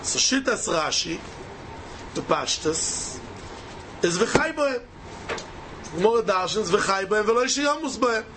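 A man's voice: sits high, animated, measured pace, pauses often, noisy background. A man with a Yiddish accent teaching a Talmud lesson, emphatically asking rhetorical questions and repeating key phrases as he answers them. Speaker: Torah teacher.

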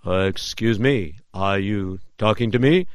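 A man playing a calm, pious rabbi who speaks slowly and deliberately. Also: fairly low pitch, dry recording, natural voice. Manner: measured, slow and deliberate.

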